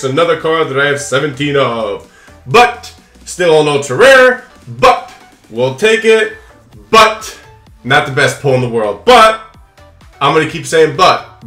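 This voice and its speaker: Chatting with his viewers and his pet, a young man hosting a card-opening video gives casual, playful commentary on his trading cards. His voice is a little high and bright, with a forceful tone. The small room at home gives the audio a roomy sound.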